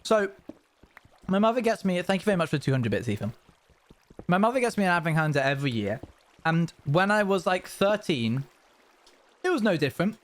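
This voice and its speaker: A man's voice: sits high, very animated, a little fast, long pauses. A young man streaming live, telling rambling stories to his viewers with self-aware asides. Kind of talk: casual chat with viewers.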